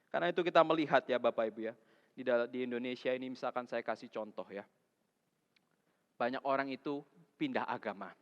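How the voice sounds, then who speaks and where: A man preaching a sermon as a vicar, in a colloquial way that swings between loud emphasis and soft asides. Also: medium pitch, brisk, long pauses. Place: church sanctuary. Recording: echoey hall, dull lo-fi sound.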